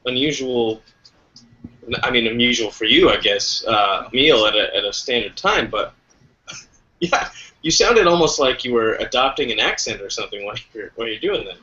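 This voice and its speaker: A man's voice: mid-range voice, animated, normal speed, bright, forceful tone, dull audio. A man playing a laid-back brunch-loving roommate. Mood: wry. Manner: easygoing, defensive, escalating to outburst. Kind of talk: improv comedy scene.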